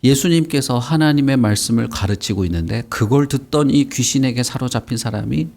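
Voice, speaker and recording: A man leads a children's Sunday school lesson in a plain, mid-pitched voice. He speaks lively and warmly engaged, tossing questions to the kids and acting out the story. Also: fairly quick, creaky. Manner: animated, asks the kids questions.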